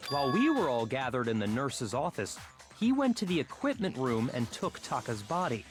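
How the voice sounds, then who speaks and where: A man's voice: medium pitch, sing-song, normal speed, faint music behind, natural voice. A man playing a haughty, disdainful young student in an anime game dub, with cutting delivery. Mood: cold certainty.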